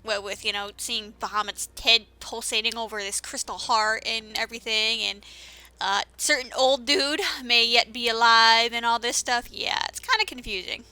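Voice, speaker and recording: A woman's voice: on the high side, steady tone, moderate pace, pushed and bright, clean tone. A woman giving casual, rambling commentary over a game playthrough, with many fillers and restarts. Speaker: let's-play commentator.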